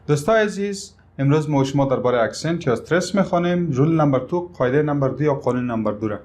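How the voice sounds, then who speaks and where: A man with an Afghan accent teaching an English lesson, speaking slowly and deliberately in English and quicker in his own language, stressing syllables emphatically. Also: fairly high pitch, animated, darkish tone.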